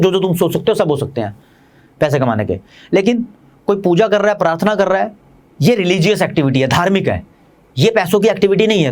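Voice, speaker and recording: A man with an Indian accent teaching commerce in a fast, chatty online lecture, talking straight to his students. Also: high voice.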